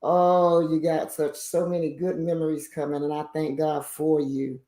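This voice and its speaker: A woman's voice: deep voice, flat delivery, moderate pace, mellow. Older woman, guest, rambling and chuckling, echoey room sound. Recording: roomy echo.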